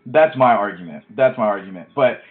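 A man hosting a casual podcast, chatty and excitable, getting fired up as he talks. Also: lowish voice, a little fast. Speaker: podcast host. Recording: tinny phone-like audio.

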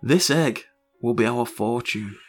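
A man playing a broke farmer husband in an audio story, excitable and rambling, full of grandiose schemes. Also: mid-range voice, unhurried, faint music behind, lightly acted. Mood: excited, insistent.

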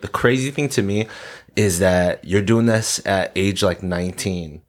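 A man co-hosting a podcast who muses in a relaxed, casual way. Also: low voice, a little slow. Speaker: podcast co-host. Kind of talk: casual chat.

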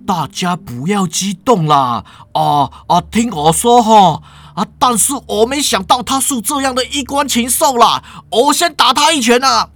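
A storyteller doing a loud, placating professor. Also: medium pitch, animated, unhurried, voice pushed up. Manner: loud, coaxing, full of interjections. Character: placating, loud professor trying to calm the room.

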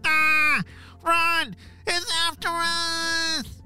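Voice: big pitch swings, measured pace, pushed and bright, faint music behind, full character voice. A storyteller voicing an exclamatory purple ninja villain for a children's audio story. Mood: panicked. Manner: shrill, exclamatory.

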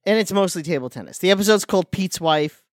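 A man's voice: sits high, expressive, fast, dry recording, clean studio sound. Chatty man hedging with restarts. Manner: chatty, hesitant with many restarts. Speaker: podcast co-host. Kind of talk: casual chat.

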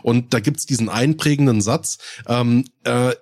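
A man's voice: mid-range voice, unhurried, darkish tone. A man with a Rhine-Main Hessian accent, co-hosting a casual podcast and rambling as he restarts his sentences. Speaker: podcast co-host.

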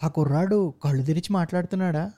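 A narrator playing a stern, quick-tempered middle-aged male office manager who scolds and commands. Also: medium pitch, warm tone, lightly acted. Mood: anxious.

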